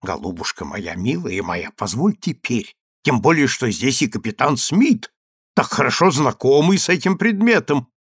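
A man's voice: medium pitch, big pitch swings, normal speed, slightly rough, dry recording, clean studio sound. A man reading a story aloud and voicing a domineering middle-aged husband who first coaxes his wife and then threatens her angrily. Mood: coaxing. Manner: coaxing, then loud and threatening.

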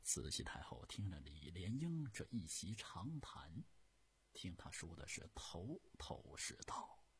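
A male storyteller with a husky, raspy low voice, narrating slowly and dramatically, with sweeping rises and falls. He often sinks into hushed asides. Soft music runs under him on a radio broadcast. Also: sing-song, in a whisper. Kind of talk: traditional storytelling.

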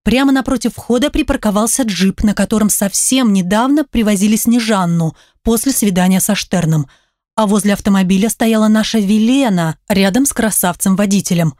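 A woman narrating an audiobook in an even storytelling voice. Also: medium pitch, fairly quick, no echo, studio quality. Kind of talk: scripted narration.

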